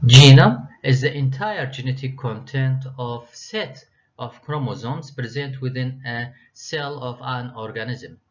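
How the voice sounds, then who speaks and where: A man lecturing university students, reading his slides with frequent hesitations and restarts. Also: medium pitch. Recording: dull lo-fi lecture recording.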